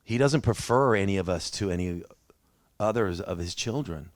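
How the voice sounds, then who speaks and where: A man with a deep voice preaches a sermon in a church at a moderate pace, sharing a personal testimony in a conversational, self-deprecating way. The recording has no echo.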